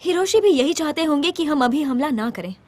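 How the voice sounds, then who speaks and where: A woman's voice: high voice, expressive, brisk, darkish tone. A young woman dubbing a sassy female student who talks bluntly and playfully, in a Hindi film dub.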